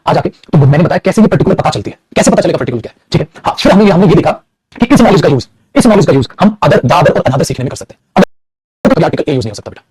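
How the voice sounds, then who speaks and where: A man's voice: a little high, a little mellow, a little hiss or hum. A man teaching an English grammar lesson in Hindi, calling his students beta and repeating his points with emphasis, with a Hindi accent on English words.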